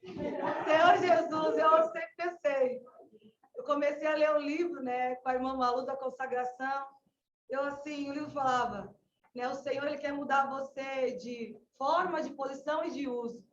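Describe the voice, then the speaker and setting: A woman's voice: high voice, steady tone, moderate pace, slight background noise. A woman with a Gaúcho Brazilian accent, a missionary colporteur, giving a fervent, exclamatory religious testimony. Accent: Gaúcho Brazilian Portuguese. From southern Brazil. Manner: fervent, exclamatory, often calling out to the Lord. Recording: echoey, distant, dull-sounding room recording.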